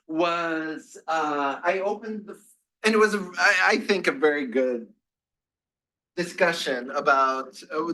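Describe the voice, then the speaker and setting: A man giving a classroom lecture, talking in halting bursts with many fillers and restarts. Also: a little high, bright, forceful tone, poor audio. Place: lecture room.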